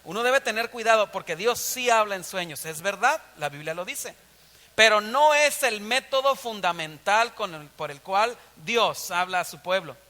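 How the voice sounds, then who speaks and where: A man with a Mexican Spanish accent preaching a sermon as pastor, animated and full of rhetorical questions. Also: sits high, normal speed, big-room sound.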